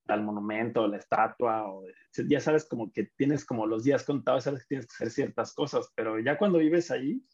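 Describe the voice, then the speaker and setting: A young man with a Mexican accent, chatting casually on a podcast and telling animated stories. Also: mid-range voice, a little fast, few pauses, breathy edge, highs cut off. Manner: storytelling, animated in anecdotes, many restarts. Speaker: podcast guest. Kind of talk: casual chat.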